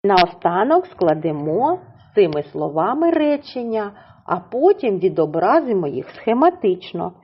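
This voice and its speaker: A woman teacher with a Ukrainian accent gives a children's lesson, explaining slowly and deliberately and breaking words into syllables. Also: mid-range voice, big pitch swings, slightly rough, lo-fi sound.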